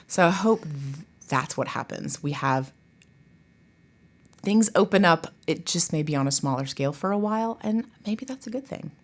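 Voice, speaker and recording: Her voice is low and animated, moving at a moderate pace. She's a theater professor and director appearing as an interview guest, talking casually and emphatically with lots of conversational detours and frequent "you know" and "like."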